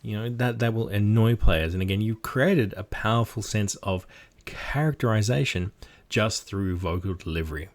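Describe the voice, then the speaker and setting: This man, whose voice is on the low side and moves at normal speed, is a game master casually teaching how to perform characters. His approach is hands-on, shifting between talking through the technique and acting out voices.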